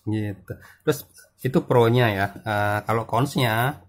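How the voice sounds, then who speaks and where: Young man, lowish voice, loose casual comic-review chat full of fillers. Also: a little slow. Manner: loose, hesitant, many fillers and repeats.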